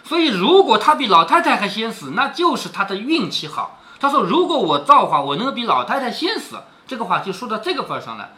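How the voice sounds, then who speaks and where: A man's voice: high-pitched, very animated, fairly quick, hardly any pauses, bright, forceful tone. A man explaining a classic novel to his daughter, retelling the story and stopping often to ask rhetorical questions and explain old words.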